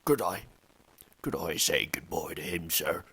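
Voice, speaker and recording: A man voicing a big, soft-hearted male giant who stammers and talks in a choked, muffled voice. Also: deep voice, expressive, unhurried, gravelly, breathy edge, exaggerated voice. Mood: tearful.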